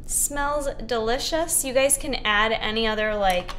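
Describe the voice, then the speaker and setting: A woman's voice: on the high side, unhurried, a bit bright, slight background noise. A young woman hosting a casual cooking show in her home kitchen, chatting and encouraging viewers as she mixes and cuts. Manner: chatty and encouraging, talks while mixing and cutting.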